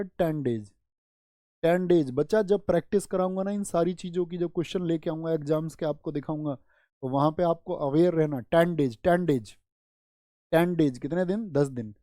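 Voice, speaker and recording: A male coaching teacher tells playful memory stories and keeps asking his students questions as he goes. His voice sits a little high but sounds mellow and dark. The recording is close and dry, with almost no room sound. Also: no room sound. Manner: animated storytelling mnemonics, addresses students directly. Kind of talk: online exam-prep class.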